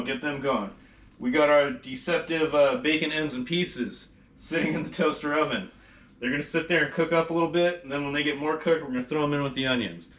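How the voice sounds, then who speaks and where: A slightly bright, medium-pitched male voice with slight background noise belongs to a foul-mouthed, sarcastic cooking vlogger. He chats casually while working in a home kitchen, demonstrating his cooking.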